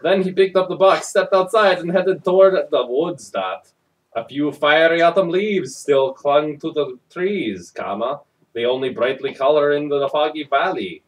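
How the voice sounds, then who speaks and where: A man gives a hammy, sarcastic comic dramatic reading of a children's story, recorded some distance from the mic. His voice is fairly high and a little slow.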